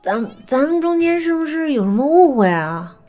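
A brash, blunt young woman, voiced by a woman narrator, blurts and stammers in a high, wildly swinging voice. She sounds like a tipsy audiobook heroine, with soft music under her. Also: very animated, normal speed. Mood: flustered. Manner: stammering, exclamatory. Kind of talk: audiobook character dialogue.

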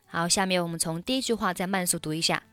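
A Chinese-speaking woman teaching English pronunciation, explaining how words link and repeating phrases slowly so they can be copied. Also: lowish voice, pushed and bright, soft background music. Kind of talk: explaining linking sounds in a lesson.

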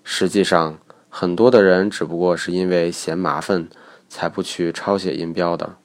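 A man's voice: deep voice, steady tone, normal speed. A man teaching English study methods in a methodical, matter-of-fact lecture. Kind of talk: instructional lecture.

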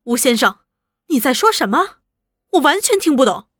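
A woman's voice: sits high, very animated, moderate pace, no echo, studio quality. A woman voicing a wary young woman who answers in a stern, clipped way in an audiobook spy story. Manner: stern, clipped, rising to sharp commands. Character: sharp, wary young woman standing her ground.

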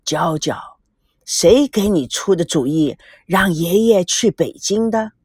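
Soft, slow old granny, played by a woman reader, calm and soothing, dry close sound. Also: fairly low pitch, breathy edge, no echo, pitched below the performer's own voice, heavily acted. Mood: gentle. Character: gentle elderly grandmother, calm, soothing.

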